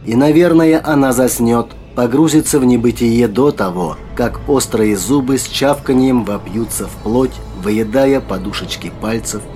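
A man narrating a dark fantasy audiobook in a measured storytelling manner, with faint music behind him. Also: mid-range voice.

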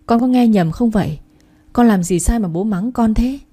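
A woman's voice: a little high, moderate pace, mellow, breathy edge, voice pushed up. Woman reading as a wheedling son-in-law. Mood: pleading. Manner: pleading, wheedling. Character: scheming, pleading son-in-law.

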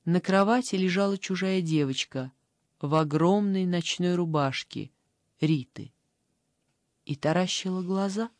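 A woman reading a fairy tale aloud as a calm, even audiobook narrator. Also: on the low side, a little slow, dry recording. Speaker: audiobook reader. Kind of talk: scripted narration.

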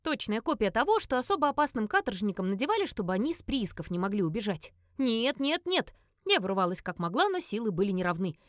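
A woman narrating a first-person fantasy audiobook in a lively, indignant, comic manner. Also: mid-range voice, quick pace, hardly any pauses, dry recording, studio quality.

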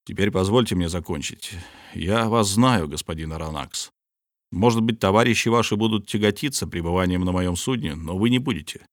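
Low-pitched stern ship captain, cold measured commands, dry close sound, read by a man. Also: no echo, lightly acted. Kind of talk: audiobook character reading.

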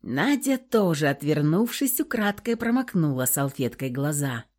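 A woman narrating an audiobook in an even storytelling manner. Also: low-pitched, moderate pace. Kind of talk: scripted narration.

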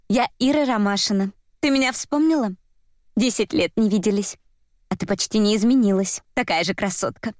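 A woman voicing a brash young woman who loudly and theatrically insists on a false friendship, in an audiobook. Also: on the high side, no echo, clean studio sound, close to an everyday voice. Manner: loud, mannered, capricious. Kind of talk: audiobook character voice.

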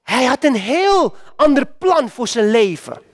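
Animated high-voiced man preaching. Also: unhurried. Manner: animated, addresses the congregation directly. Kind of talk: sermon.

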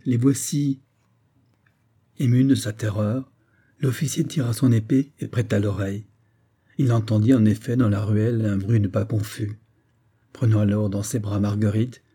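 Male audiobook reader, husky voice, mellow tone, even storytelling. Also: fairly low pitch. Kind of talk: narrating a 19th-century novella.

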